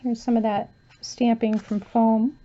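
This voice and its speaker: Showing off a handmade journal one page at a time, this woman chats gently and easily, filling gaps with "um" and "uh." She's losing her voice and keeps clearing her throat; her pitch is on the high side, the pace a bit slow, and the highs are cut off.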